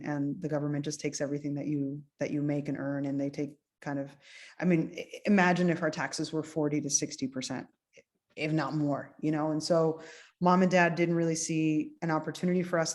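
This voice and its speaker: Forties woman guest, from Cuba via New Jersey, low voice, conversational. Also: darkish tone. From Cuba, raised in New Jersey. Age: 40s. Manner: conversational, many fillers like "you know". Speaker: optometrist guest. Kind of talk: casual interview.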